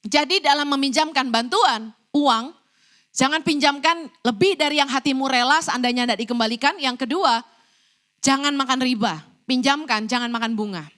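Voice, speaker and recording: A middle-aged woman preaching a church sermon, telling a personal story in an animated way and acting out the lines people said to her. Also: high-pitched, moderate pace. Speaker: evangelist preacher.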